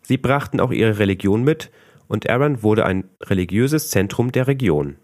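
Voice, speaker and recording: Northern German male podcast host, slightly low voice, calm scripted read, tends to mumble, dry close recording. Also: normal speed, dry recording. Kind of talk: scripted narration.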